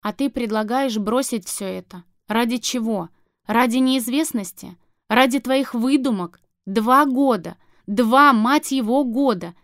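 A fierce, sharp-tongued young woman, read by a woman narrator who snaps back with sarcasm and heat. The voice sits fairly high, and the recording is dry and close. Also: measured pace, no echo. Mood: angry. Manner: sarcastic and heated, swearing. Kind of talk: audiobook character reading.

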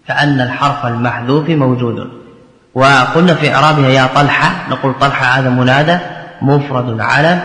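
A man teaching grammar, explaining a verse text line by line, asking and answering his own questions and repeating key phrases slowly. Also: medium pitch, a bit bright. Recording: echoey hall with long reverb.

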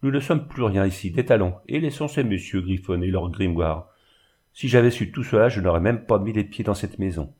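A man's voice: lowish voice, fairly quick, a little mellow, lightly acted. Man doing a furious blustering young man. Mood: angry. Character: hot-tempered eldest son, furious and scornful.

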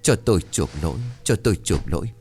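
Remorseful old landlord, choked and pleading, deep voice, read by a male narrator. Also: sing-song, fairly quick, darkish tone, soft background music.

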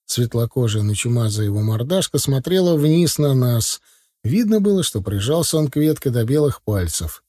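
A man narrating a first-person audiobook in a wry, relaxed storytelling manner, close to the mic. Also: mid-range voice, moderate pace, dry recording.

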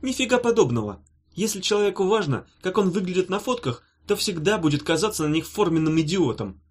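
A man reading a storybook voices a sharp-tongued, scornful young woman with a mocking, sarcastic manner. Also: on the low side, very animated, fairly quick, breathy edge, pitched above the performer's own voice. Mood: sour. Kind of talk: audiobook character voice.

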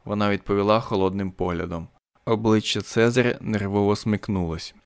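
A man narrating a science fiction story as an audiobook in a steady, even manner. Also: fairly low pitch, fairly quick, smooth.

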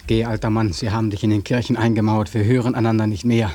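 Man as bitter young war veteran, accusing and mocking, radio play, dark husky voice, dry studio sound. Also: fairly low pitch, flat delivery, fast talker, no echo, lightly acted.

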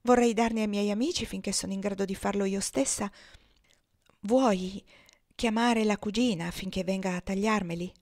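A gentle, sickly young girl from an old novel, as a woman reader puts her on. Her voice stays soft and earnest, quietly pleading. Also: medium pitch, fairly even intonation, moderate pace, natural voice.

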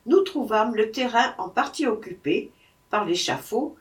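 A woman narrating a travel memoir at an unhurried pace, with a lively, rising and falling voice pitched fairly high. She sits a little back from the microphone. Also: far from the mic. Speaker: audiobook reader. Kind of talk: first-person travelogue narration.

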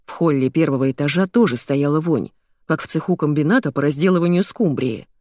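A woman's voice: low-pitched, a little fast, warm tone, no room sound, studio quality. A woman reading first-person narration in an audiobook with a wry, conversational manner.

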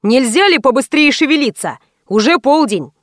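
A woman's voice: sits high, expressive, moderate pace, no room sound, clean studio sound. Woman voicing a pushy bossy publisher man. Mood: bossy shouting. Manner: barking, hectoring, impatient. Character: pushy bossy male publisher, loud and hustling.

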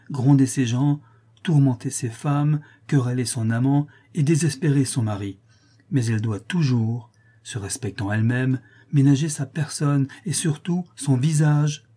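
A man's voice: mid-range voice, mellow, close to an everyday voice. A man reading aloud, voicing a worldly society lady who lectures her friend in an affected manner.

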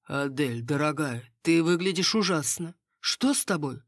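A woman's voice: low voice, expressive, moderate pace, no room sound, studio quality. A woman reading the part of a kindly, curious older lady who looks after the heroine. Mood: caring. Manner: curious, caring.

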